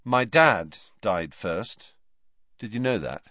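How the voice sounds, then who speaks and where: A man voicing a quiet, steady teenage boy who presses his point in a level voice, in a storybook reading. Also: fairly low pitch, slow pace, no echo, dull audio, full character voice. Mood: calm.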